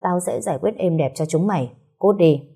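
A harsh, powerful father barks threats at his daughter, as a woman reads his part. The tone sits low and husky, with a dark, mellow color. It is a spoken storybook role. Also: fairly quick. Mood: angry. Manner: barking orders, threatening. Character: harsh powerful father, a gruff older official.

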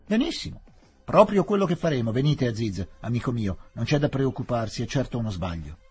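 A man voicing a calm Englishman who takes charge, firm and reassuring. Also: mid-range voice, brisk, breathy edge, soft background music.

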